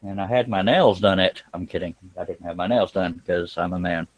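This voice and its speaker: This man's voice is deep, steady, and brisk as he hosts his workshop livestream. A scroll saw craftsman, he keeps up casual live chat while working, folksy and full of jokes.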